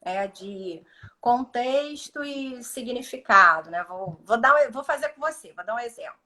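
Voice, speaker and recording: A woman with a Brazilian Portuguese accent speaks in a fairly high register. She explains step by step on a video call and slips into short example dialogues with patients. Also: animated, a little slow, pushed and bright. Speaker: speech therapist guest. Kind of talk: instructive live chat.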